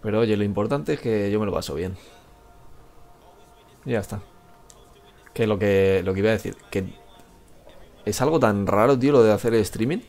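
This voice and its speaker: During a live game stream, a Spanish-accented man from Spain rambles along, pokes fun at himself and swears liberally. He speaks at normal speed in a fairly low, slightly mellow voice, pausing often.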